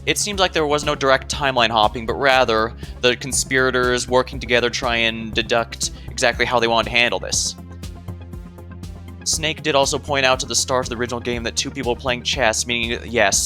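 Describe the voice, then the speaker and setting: A man with a forceful, bright voice at a middle pitch talks through a game. He rambles and stumbles over words, restarting sentences midway. Music plays behind his voice. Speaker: game streamer playing a visual novel. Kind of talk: game commentary and reading dialogue aloud.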